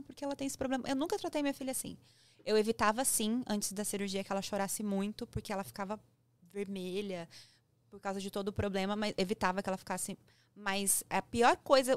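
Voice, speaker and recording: On a podcast about parenting, a guest with a Brazilian Portuguese accent speaks with emphasis and animation, acting out bits of dialogue. Her medium-pitched voice is clear and resonant, captured dry on a studio podcast mic.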